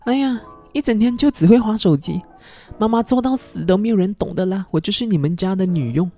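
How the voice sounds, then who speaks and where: A man imitating a nagging middle-aged mother who scolds in a high, shrill voice. She sounds theatrical and martyred, her pitch leaping well above a normal speaking voice. Faint instrumental music plays underneath. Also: fairly quick, mellow.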